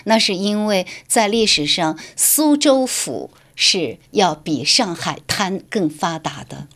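A woman's voice: fairly low pitch, lively intonation, takes it slowly, fairly bright tone. A woman writer from Shanghai, guest on a radio interview, explaining her views in an articulate, lecturing way.

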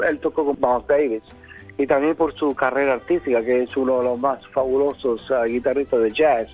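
Higher-voiced guy from chile, cuban sounding caribbean spanish accent, chatting in a radio interview, music underneath. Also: darkish tone, lo-fi sound. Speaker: interview guest, musician and percussionist. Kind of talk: casual radio interview, telling anecdotes.

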